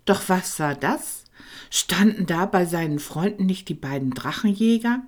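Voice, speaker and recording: Slow, low-voiced woman storyteller. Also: lively intonation. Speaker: narrator. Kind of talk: children's audiobook narration.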